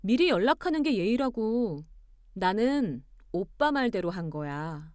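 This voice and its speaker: A woman voicing a composed young wife who argues back calmly and pointedly. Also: medium pitch, unhurried, dry recording, studio quality. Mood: cool firm. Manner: calm, pointed, arguing with cool logic.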